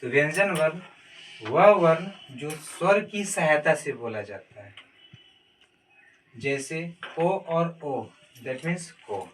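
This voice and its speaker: A man's voice: fairly high pitch, a bit bright. A man teaching a grammar lesson, explaining step by step and calling out letters one at a time. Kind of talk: classroom-style Hindi grammar lesson. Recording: distant mic with faint noise.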